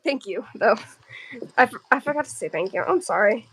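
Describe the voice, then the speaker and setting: Young woman streaming, high voice, laughs a lot, swears, super casual. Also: animated, a little fast, fairly bright tone, breathy edge. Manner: giggly, swearing, blunt. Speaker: livestreamer. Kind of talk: casual stream chat while drawing.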